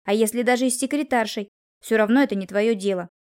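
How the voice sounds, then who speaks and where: A woman's voice: mid-range voice, fast, a little mellow, lightly acted. A woman reading the part of an irritated male lawyer, cold, rude and dismissive. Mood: curt. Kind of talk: audiobook character reading.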